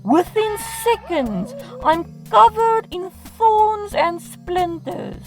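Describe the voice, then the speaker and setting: Extremely high-pitched and sing-song, this South African woman speaks very slowly with a slightly mellow quality. She narrates a scripted, comedic storytime in a dramatic, self-mocking style, with music in the background.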